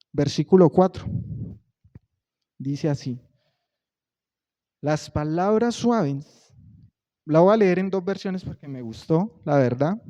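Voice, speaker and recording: A man, preaching a Sunday sermon in a conversational way, rising to loud emphasis and dropping to quiet, soft lines. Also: sits high, dull audio. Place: church sanctuary.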